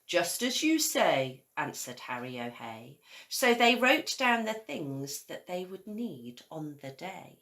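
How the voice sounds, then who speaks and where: Like a teacher at story time, a low-voiced woman reads to children, keeping her storytelling paced and full of expression.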